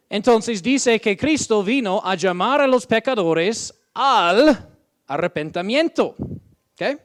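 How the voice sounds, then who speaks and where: A man preaching a sermon as pastor, reading Bible verses aloud and often checking in with "ok?". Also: sits high. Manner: slow, deliberate delivery with frequent "¿ok?" check-ins; reads scripture aloud, drawing out quoted verses.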